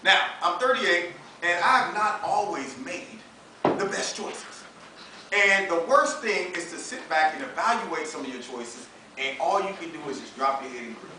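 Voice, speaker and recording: An American man in his thirties, his voice fairly high with lively intonation at normal speed, delivers an animated, conversational sermon. He preaches emphatically and colloquially, packed with rhetorical questions and acted-out dialogue. The recording has an echoey room, a distant mic and faint noise.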